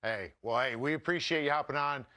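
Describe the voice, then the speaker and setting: A man's voice: medium pitch, brisk, pushed and bright. A man co-hosting a casual chat, upbeat and full of "hey" and "dude". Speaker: co-host.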